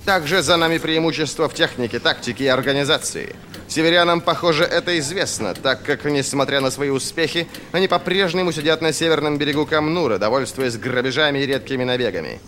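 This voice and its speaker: A man's voice: on the high side, fast talker, fairly bright tone, slight background noise, pitched above the performer's own voice, close to an everyday voice. A man voicing a stern, curt older army commander in an audiobook, speaking bluntly and with authority. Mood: commanding.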